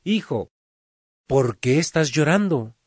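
A man voicing a gentle, wise king who speaks to his people in a story. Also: on the high side, expressive, takes it slowly, no room sound, clean studio sound, voice pushed up. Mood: measured.

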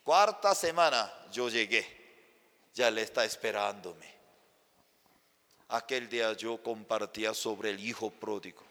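A man's voice: lowish voice, unhurried, pauses often, fairly bright tone. A male pastor, a native Chinese speaker, telling a sermon story with acted voices. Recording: long hall reverb.

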